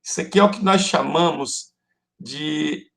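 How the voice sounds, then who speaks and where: A man's voice: on the high side, measured pace, creaky, a bit bright. A male Portuguese teacher with a Brazilian accent giving an online class, explaining patiently step by step and calling his students "love". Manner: affectionate, calls students "love" and "folks".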